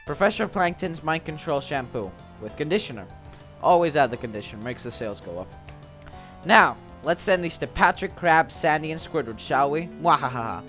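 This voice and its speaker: A man voicing a tiny, grandiose cartoon villain from a game, gloating with slow, theatrical menace. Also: on the high side, lively intonation, fairly bright tone, faint music behind. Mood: smug, menacing. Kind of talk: acted reading of cartoon game dialogue.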